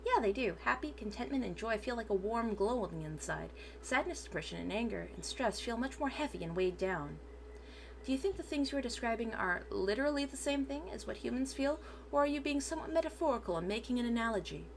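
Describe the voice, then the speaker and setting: A woman's voice: fairly high pitch, expressive, fast, creaky, a little hiss or hum. A woman VTuber reading a transcript aloud for her stream, sometimes stumbling over words and correcting herself.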